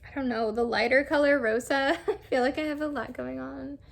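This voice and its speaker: A woman's voice: high voice, fairly even intonation, a little fast, creaky. A young woman chatting casually through a makeup try-on, rambling with lots of fillers. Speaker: beauty vlogger.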